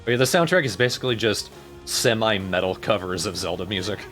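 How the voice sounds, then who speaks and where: A man's voice: fairly low pitch, expressive, fast, fairly bright tone, faint music behind. A man giving casual, offhand gameplay commentary with a dry manner as he streams. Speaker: let's player streaming a game. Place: voice over gameplay with game music behind.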